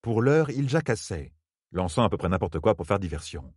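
A man narrating an audiobook in an expressive, measured way. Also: on the low side, breathy edge, no echo, clean studio sound.

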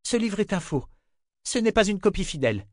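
A brave young female prisoner, voiced by a man reading the audiobook, speaks in a high, strained register. She pushes each line out with force. The sound is close and dry. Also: sing-song, fairly quick, darkish tone, dry recording. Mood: defiant.

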